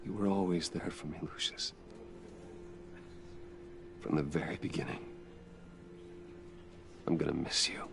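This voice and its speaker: Deep gravelly Bruce Wayne, solemn and guarded. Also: male voice, unhurried, pauses often, noisy background, full character voice. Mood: mournful. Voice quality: low, gravelly. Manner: hushed, solemn, restrained. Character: Bruce Wayne, grave grieving wealthy man, guarded and gentle. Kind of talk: dramatic video game acting.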